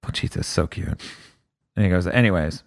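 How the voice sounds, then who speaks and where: A man hosting a casual podcast, retelling an episode with lots of laughter and quick put-on voices for the characters. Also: mid-range voice, sing-song, a bit bright. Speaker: podcast host. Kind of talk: casual chat recapping an anime episode.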